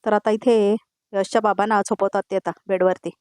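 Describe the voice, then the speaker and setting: A woman races through a voice-over recap of a TV serial, tagging every quoted line as she goes and speaking straight to her viewers. Her voice sits at a middling pitch and is recorded close and dry, with no room sound around it. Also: level tone, brisk, a little mellow, no echo. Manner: retells scenes line by line, tagging each quote; addresses viewers directly with asides.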